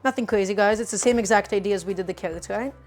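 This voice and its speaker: Soft background music accompanies a woman in her twenties as she hosts a relaxed cooking stream, chopping while she teases viewers and explains every step. She has a medium-pitched voice and talks in rapid-fire bursts.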